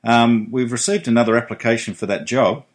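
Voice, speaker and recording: A man playing a hapless, matter-of-fact office worker in a comic radio sketch, delivering jokes deadpan. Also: mid-range voice, brisk, natural voice.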